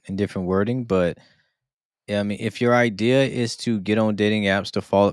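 A man's voice: deep voice, clean tone, no echo, clean studio sound. A man hosting a podcast in casual chat, laid-back and calling people "bro". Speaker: podcast host.

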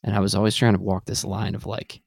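A man's voice: lowish voice, little pitch movement, quick pace, gravelly, a little mellow, husky, no room sound, studio quality. A man chatting casually as a podcast guest, laid-back and self-deprecating, with lots of ums. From Western Pennsylvania.

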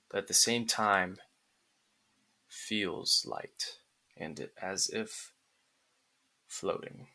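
A man narrating a guided relaxation script like a sleep story, in calm, soothing, deliberate phrases with pauses. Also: lowish voice.

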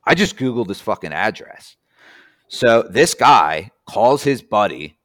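A man telling a long, profane story on a podcast, with an animated, cursing manner. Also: fairly low pitch, a little slow, no echo, clean studio sound.

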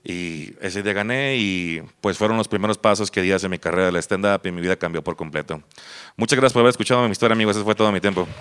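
A man's voice: deep voice, fast talker, fairly bright tone, clear, resonant tone. A young man with a Mexican accent, a stand-up comedian telling a personal story and acting out other people's lines, swearing casually as he goes. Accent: Mexican Spanish.

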